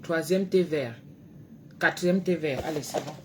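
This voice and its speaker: A woman hosting a late-night live stream from home, reading out viewers' names and answering them, swinging between soft murmurs and loud exclamations. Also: low-pitched, unhurried, a little hiss or hum. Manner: reads out and answers viewers by name. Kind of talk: casual live-stream chat. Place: her home at night, indoors.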